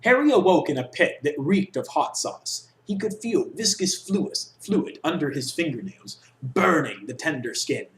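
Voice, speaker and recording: Reading a comic story in an echoey, bare dorm room with block walls, a young adult man hams it up in a mock-serious, theatrical way. His slightly high voice is sing-song, at a moderate pace with few pauses.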